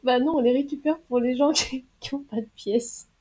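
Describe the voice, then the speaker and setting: A woman's voice: high voice, fairly even intonation, normal speed, mellow, husky. A young woman streaming a game, chatting casually, laughing often and reading chat messages aloud. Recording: faint game music behind.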